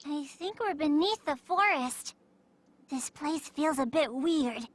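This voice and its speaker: Compa, squeaky-high timid girl. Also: lively intonation, slow. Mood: unsure. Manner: soft-hearted, pleading, hesitant. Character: sweet, timid, helpless young girl sidekick. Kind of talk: anime-style game voice acting.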